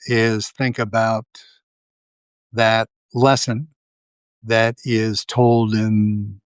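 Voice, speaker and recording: A man's voice: lowish voice, flat delivery, drawn-out words, no room sound. A man hosting a live video, talking through casual commentary, rambling with lots of fillers and restarts. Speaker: livestream host.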